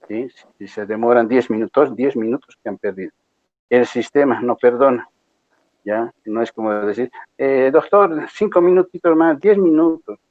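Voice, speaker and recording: A man's voice: mid-range voice, a little mellow, no echo. Male teacher going over exam rules, keeps asking if they got it, kinda dull dry audio. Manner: patient, repeats checks like "¿sí?" and "¿ya?". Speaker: university lecturer. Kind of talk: explaining exam rules to a class.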